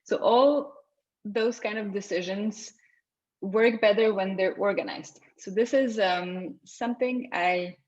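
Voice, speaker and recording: A woman's voice: mid-range voice, takes it slowly. Young woman from Lithuania, conversational, restarts often, slightly dull video call audio. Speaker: guest speaker. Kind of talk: online meetup talk.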